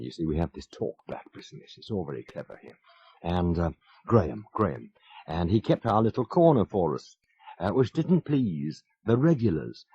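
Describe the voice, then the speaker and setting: Man, fifties, radio presenter, wry storyteller, lively up-and-down delivery, mellow tone. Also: deep voice, gravelly, breathy edge, dry recording. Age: 50s. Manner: wry, self-mocking storyteller with chuckles. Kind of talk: anecdotal radio chat. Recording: muffled old radio broadcast.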